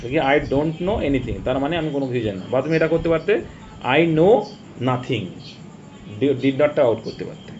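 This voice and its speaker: A man teaching English grammar, asking questions and answering them himself, and reading example sentences out slowly. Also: medium pitch, expressive, darkish tone. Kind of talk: spoken grammar lesson. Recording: dull lo-fi audio with faint hiss.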